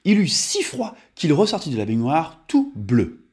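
A man's voice: on the high side, huge pitch swings, a little slow, darkish tone. Man reading a kids' story expressively. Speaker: story reader. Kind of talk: reading a children's picture book aloud.

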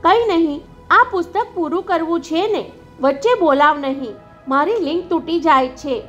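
A preoccupied husband, brisk and half-absent, as a woman narrator reads him. The voice stays high and light, without any deepening for the man. Soft music plays under a slightly dull, lo-fi recording. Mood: dismissive. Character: neglectful busy husband, a critic.

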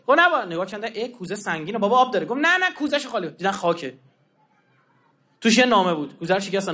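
Male lecturer, high voice, animated and informal, acts out the dialogue in his stories. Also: breathy edge. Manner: animated storyteller, acting out quoted exchanges; informal street slang and asides. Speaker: religious lecturer. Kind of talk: colloquial religious history lecture.

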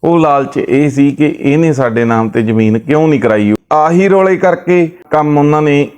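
A man's voice: a little high, moderate pace, darkish tone, smooth. A man, retelling another man's family story and relaying his words with repeated "he says".

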